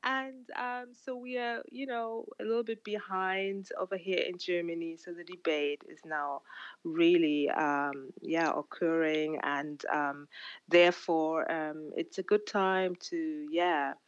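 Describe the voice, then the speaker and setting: Ugandan-born woman, low, hesitant guest. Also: fairly even intonation, clear, resonant tone, no room sound, muffled recording. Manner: thoughtful, many ums and pauses. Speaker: podcast guest, fashion platform founder. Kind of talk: casual interview answers.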